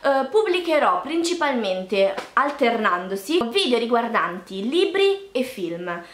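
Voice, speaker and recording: Fairly high-pitched and very animated, a bit bright and a little slow, this woman in her early 20s vlogs to camera in a casual, playful, self-deprecating manner. The audio has slight hiss or hum and echoes off the bare walls of a small, untreated room.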